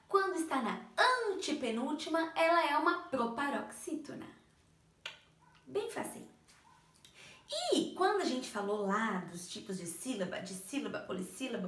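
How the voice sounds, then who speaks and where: A woman teaches young children in a bright, high, sing-song voice that swoops up and down. She stretches out key words to make them clear. She is recorded from a distance in a room with a strong echo. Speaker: primary school teacher. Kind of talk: online class for children. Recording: roomy echo, mic far off.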